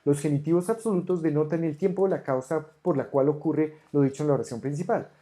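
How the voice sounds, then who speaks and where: A teacher giving an online ancient Greek grammar lesson, patiently correcting homework and sounding out Greek words slowly. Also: medium pitch, warm tone. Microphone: camera on a desk.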